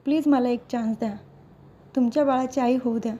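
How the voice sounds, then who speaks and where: A woman's voice: a little high, steady tone, brisk, dark tone, lo-fi sound, close to an everyday voice. A woman voicing a young woman doctor who speaks in an earnest, pleading way, read within a serial recap.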